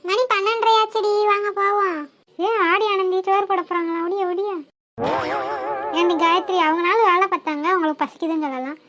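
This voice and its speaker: Picture chatty, teasing village girls in a cartoon, all voiced by one woman. Their voices are very high and piercing. They banter bossily. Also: a little fast, highs cut off, faint music behind. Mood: cheerful. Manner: lively, teasing, bossy banter. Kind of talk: cartoon voice acting.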